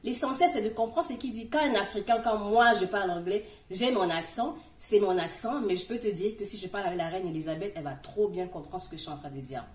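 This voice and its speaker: A woman's voice: medium pitch, quick pace, hardly any pauses. A woman hosting a casual advice video, chatting directly to the viewer as she gives learning tips. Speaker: video host giving language tips. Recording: echoey room, voice from a distance.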